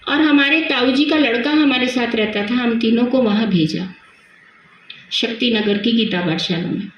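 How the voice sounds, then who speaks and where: Older woman recalling, very echoey hall. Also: high voice. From Delhi, India. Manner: reminiscing, repeats words while recalling. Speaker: Brahma Kumaris sister sharing her experience. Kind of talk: personal spiritual testimony. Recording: very echoey, dull lo-fi sound, faint hiss.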